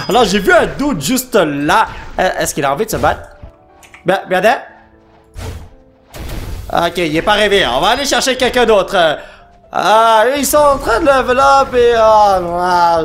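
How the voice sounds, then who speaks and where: A man narrates his gameplay in a high, bouncing voice that swings wildly up and down. He is excitable, breaking into shouts and English slang. Faint game music plays underneath. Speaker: gaming YouTuber. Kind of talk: live gameplay commentary.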